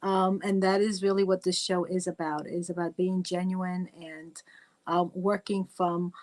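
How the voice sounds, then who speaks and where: A woman's voice: fairly low pitch, flat delivery, a little slow, darkish tone. A middle-aged woman from Italy hosting a faith talk show, speaking earnestly and personally, often adding "right?" and "you know". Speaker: podcast host.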